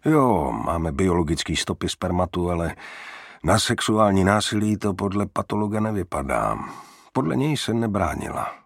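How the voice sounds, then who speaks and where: A man's voice: deep voice, very animated, gravelly, dry recording, clean studio sound, full character voice. A man reading an audiobook, voicing a curt, guarded middle-aged police captain.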